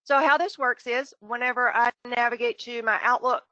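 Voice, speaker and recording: A woman instructor walking through a software demo on a video call, her audio cutting in and out so the volume keeps dipping. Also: a little high, steady tone, normal speed, no room sound, highs cut off. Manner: talks through on-screen steps with fillers. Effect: audio cutting in and out, uneven volume. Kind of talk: software training webinar demo.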